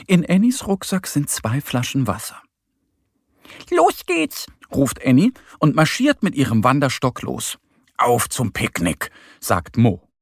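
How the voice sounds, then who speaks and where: A narrator reading a children's story aloud with lively, expressive delivery. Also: medium pitch, slightly rough, no echo, clean studio sound.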